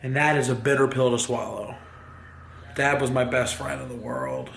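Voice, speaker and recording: A young man speaking on his vlog in a halting, emotional way, fighting back tears. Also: mid-range voice, fairly even intonation, vocal fry, fairly bright tone, slight background noise. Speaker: vlogger. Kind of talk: grieving personal vlog. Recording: roomy echo with faint ambience.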